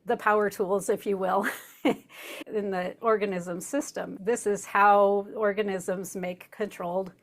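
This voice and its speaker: A woman, usually the host, answering interview questions in a relaxed way, laughing easily and explaining with asides. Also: mid-range voice, unhurried. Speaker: podcast host as guest.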